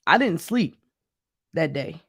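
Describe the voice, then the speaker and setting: A young man from the Midwest with a somewhat high voice, chatty and excitable as he tells stories. The sound is dry and close, with no room in it. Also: slow pace, slightly rough, no echo. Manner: chatty and excitable, with animated storytelling. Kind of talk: casual chat.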